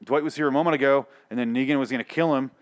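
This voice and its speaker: A young man with a medium-pitched voice fires off a rapid, exasperated, profane rant reviewing a TV episode. He keeps restarting and wandering into asides, and he's losing his voice, which sounds increasingly worn.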